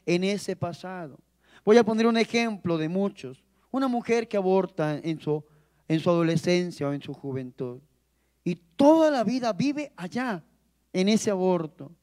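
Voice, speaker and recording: A man with a fairly high voice delivers a sermon as a priest. His preaching climbs and falls dramatically, with key words slowed and stretched. He keeps drawing the congregation in with rhetorical questions. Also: darkish tone, clear, resonant tone. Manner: preaching with dramatic rises and drops, drawn-out emphasis.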